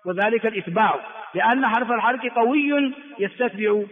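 Male lecturer, high voice, repeats words for students, phone-thin sound with hall echo. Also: a little fast. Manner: repeats words for students, asks rhetorical questions. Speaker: Islamic scholar teaching a hadith text. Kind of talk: classroom lecture on hadith and grammar. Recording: tinny phone-like echoey hall recording.

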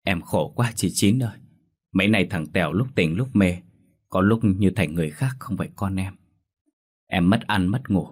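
A man's voice: low voice, normal speed, slightly rough. A man voicing a frightened, tearful poor village mother, pleading meekly. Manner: pleading, whimpering.

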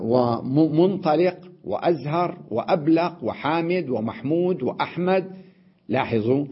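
A man teaching an Arabic grammar lesson, explaining step by step, checking in with his students and pausing on drawn-out fillers. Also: medium pitch, breathy edge. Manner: explains step by step, often asks "تمام؟" and adds "نعم"; drawn-out "آه" fillers between points. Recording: dull lo-fi lesson recording.

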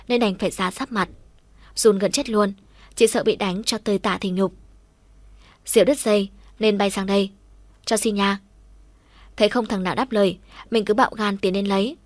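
A woman reading a first-person story aloud as an audiobook narrator, raising her voice for the shouted dialogue. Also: no room sound. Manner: lively storytelling, louder and higher for shouted quotes.

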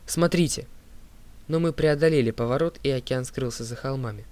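A man reading an audiobook as narrator, in a steady, clear voice that drops low on speaker tags. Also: quick pace. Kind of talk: scripted narration.

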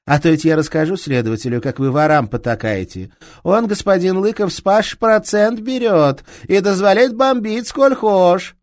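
A man's voice: high voice, lively intonation, normal speed, dry recording, voice pushed up. A cool, insolent young woman answers back with cold defiance, as a male reader puts her on. The voice is lifted above his own. The recording is dry and close. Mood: defiant. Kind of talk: audiobook character reading.

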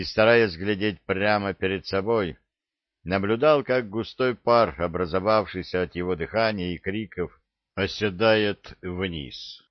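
A man reading an audiobook in a measured, steady storytelling manner. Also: low-pitched, no echo, muffled recording. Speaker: audiobook narrator. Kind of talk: scripted audiobook narration.

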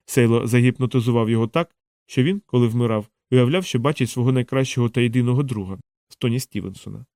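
A man narrating a novel as an audiobook, in a calm, measured way. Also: medium pitch, dry recording, clean studio sound.

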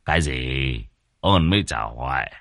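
A man's voice: lively intonation, measured pace, a bit bright, no room sound, clean studio sound, full character voice. Man doing a sly old boastful rascal. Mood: smug. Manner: smug low drawl, shifting to pleading.

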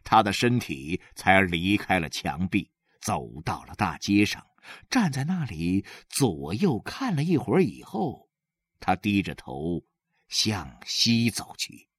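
A man narrating a story aloud, with a lively, expressive reading. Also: takes it slowly, breathy edge, no room sound, studio quality. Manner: lively, expressive reading that swings widely in pitch. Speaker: audiobook narrator.

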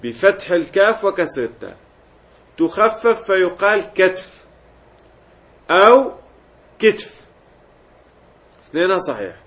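A grammar teacher with a fairly high voice explains word patterns to his class, saying each form out loud one by one. The recording is dull and lo-fi. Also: sing-song, normal speed. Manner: explains step by step, repeating word forms aloud. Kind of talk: classroom lesson.

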